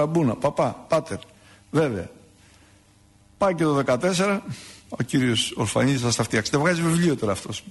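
A man's voice: medium pitch, slightly rough. A male priest giving a sermon on saints' lives, in a conversational way with asides and rhetorical questions.

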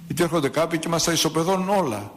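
A priest giving a sermon, telling a saint's story and acting out its dialogue, with rhetorical questions. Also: male voice, fairly high pitch, expressive.

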